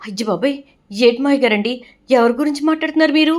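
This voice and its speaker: A woman's voice: sits high, fast, a little mellow, pitched above the performer's own voice, natural voice. A woman voicing a scheming young daughter-in-law who pleads and protests her innocence in a retold serial. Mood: pleading.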